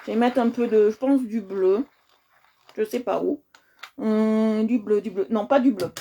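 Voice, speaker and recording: Woman, livestream host, casual chat while coloring, mellow voice, slightly high pitch. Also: a little slow, a little hiss or hum. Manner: chatty, often checks in with viewers and repeats herself.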